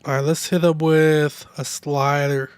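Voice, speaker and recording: A young man with a somewhat high voice talks loosely and profanely while he plays, a little drunk and nursing a sore throat. The sound is dry and close, with no room echo. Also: little pitch movement, measured pace, clear, resonant tone. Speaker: streamer. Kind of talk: casual gaming livestream chat.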